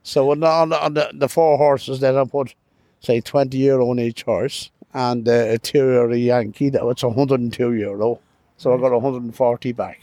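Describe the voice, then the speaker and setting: An older-sounding Irish man chatting casually in an interview in a halting, rambling way. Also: medium pitch, fairly even intonation, mellow, no room sound. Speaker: street interviewee, bettor. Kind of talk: casual chat.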